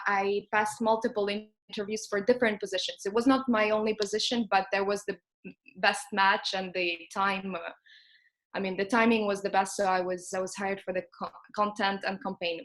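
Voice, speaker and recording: A woman's voice: mid-range voice, steady tone, fairly quick, a bit bright. Hesitant young woman from Ukraine. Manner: hesitant, many fillers and self-corrections. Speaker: alumna guest. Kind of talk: conversational interview.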